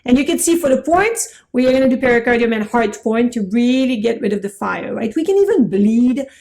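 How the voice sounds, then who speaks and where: A middle-aged woman teaching Chinese medicine in a chatty, excitable way, laughing at herself as she goes. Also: fairly high pitch, brisk. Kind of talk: informal lecture.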